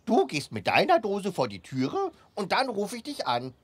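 An earnest, fussy puppet character for a children's show. The voice is husky and leaps wildly up and down as he proudly explains things, tripping over words when flustered. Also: sits high, huge pitch swings, moderate pace, full character voice. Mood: eager, proud. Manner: eager explaining, stammers when flustered, chuckles to himself.

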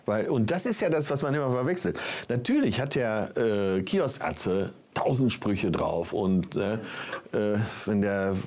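A man's voice: lowish voice, animated, unhurried, a little mellow. A man talking as a guest in a casual talk show conversation, reflective and full of hesitations. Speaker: guest, actor.

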